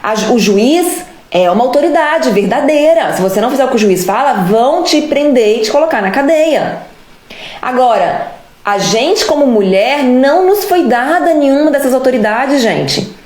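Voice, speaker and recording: A woman's voice: high voice, expressive, moderate pace, darkish tone, echoey room. A woman hosting a live stream, giving blunt relationship advice and scolding her listeners directly. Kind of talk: casual live advice monologue.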